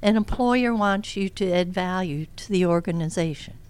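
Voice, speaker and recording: A very old woman speaking as an interview guest, telling reflective anecdotes in a measured way. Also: lowish voice, a little mellow, smooth. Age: elderly. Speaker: interview guest, career coach.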